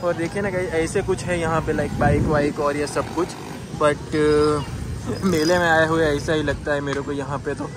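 A man's voice: on the high side, fairly even intonation, normal speed. A young man chatting casually to viewers as he vlogs a trip on a foggy rainy hilltop. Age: young adult. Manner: chatty, addresses viewers as guys. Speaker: travel vlogger. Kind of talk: casual travel vlog. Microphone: handheld phone at arm's length. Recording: outdoor phone recording with clear background noise.

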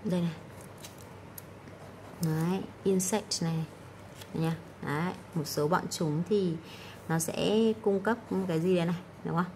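A woman's voice: fairly low pitch, fairly even intonation, a little slow, darkish tone, slight background noise. A woman English teacher going through exam answers, explaining key words and often checking in with "right?". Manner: explanatory, frequent "đúng không?" check-ins.

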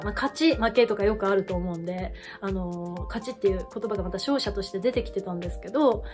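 A woman with a medium-pitched voice hosts a reaction video. She lets out excited exclamations, then talks casually through her thoughts.

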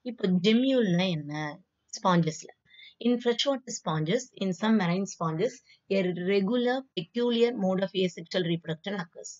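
South indian tamil lady teacher doing exam revision, talks fast, repeats key terms, kinda dull lofi audio. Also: mid-range voice. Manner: instructive, repeats key terms and asks check questions. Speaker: biology teacher. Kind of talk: exam revision lecture, explaining step by step. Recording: slightly dull lo-fi voice recording.

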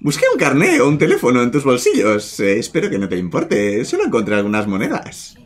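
A man's voice: medium pitch, wildly swooping pitch, brisk. A man voicing a strange young woman from a video game, with a creepy, slasher-killer psychopath delivery. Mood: eerily cheerful.

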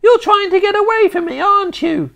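A storybook reader voicing a sinister, witch-like old grandmother who taunts and threatens in a drawn-out way, slipping into a throaty whisper. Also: creaky, fairly bright tone, exaggerated voice. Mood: shrill, taunting. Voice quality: shrill and cackling, dropping to a throaty whisper. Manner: slow, drawn-out menacing delivery. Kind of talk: storybook reading.

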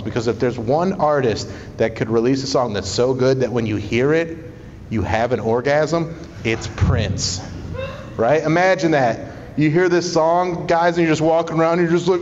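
A man's voice: mid-range voice, moderate pace, a little mellow, a little hiss or hum. Stand-up comic, male, loose sweary crowd-work banter; muffled live sound in a reverberant room. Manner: casual, conversational, profane. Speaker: stand-up comedian. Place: small live comedy show in a climbing gym. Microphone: handheld stage microphone, recorded from the audience. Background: audience laughter.

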